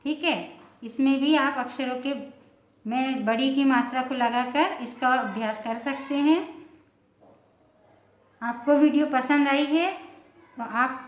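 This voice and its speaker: Woman teacher, high voice, patient and repetitive explaining, dull lo-fi recording. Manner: patient, repeats examples slowly. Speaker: Hindi teacher. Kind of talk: explaining a spelling lesson. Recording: echoey room, dull lo-fi sound.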